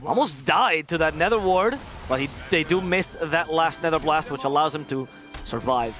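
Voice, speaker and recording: A man casting a live esports match, analysing the play quickly and slipping in jokes. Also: a little high, fairly bright tone, soft background music. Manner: fast, analytical, joking. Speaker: esports caster. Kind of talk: live game commentary.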